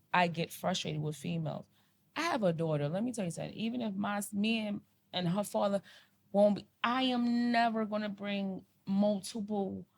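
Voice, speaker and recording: A woman with a gravelly, mid-range voice co-hosts a podcast in earnest discussion. Impassioned and pleading, she keeps repeating herself as she appeals to listeners.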